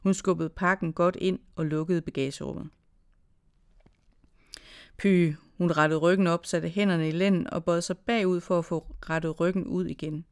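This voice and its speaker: A reader giving a slow, measured literary reading of dated diary entries and a short story, in short phrases with pauses. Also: medium pitch, fairly even intonation, smooth, no room sound, clean studio sound. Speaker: reader of own prose.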